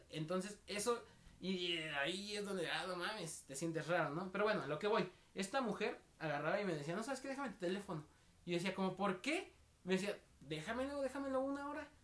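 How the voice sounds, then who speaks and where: A man's voice: high-pitched, lively intonation, brisk, a bit bright. A young man with a Mexican accent, co-hosting a casual podcast and telling anecdotes with slang, acting out the voices of the people he quotes. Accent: Mexican Spanish. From State of Mexico. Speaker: podcast co-host.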